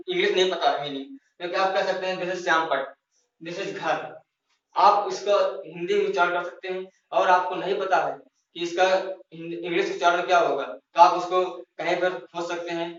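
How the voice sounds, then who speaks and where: An earnest young man with an Indian accent explains tips to his classmates, restarting now and then. His voice sits high. It is recorded from a distance in a very echoey room, and the sound is dull. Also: a bit bright. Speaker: student. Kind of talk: classroom speaking practice.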